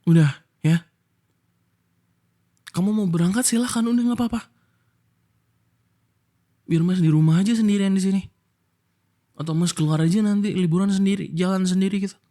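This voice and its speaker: A man's voice: sits high, normal speed, long pauses, warm tone. A young Indonesian man in a whispered role-play as a husband, scolding his wife with hurt reproach.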